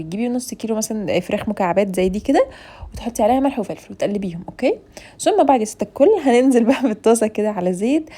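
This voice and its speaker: Egyptian woman vlogger, very fast and chatty, mellow tone, teasing home-cooking host. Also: on the high side. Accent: Egyptian Arabic. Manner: talkative, playful, teasing, addresses viewers directly.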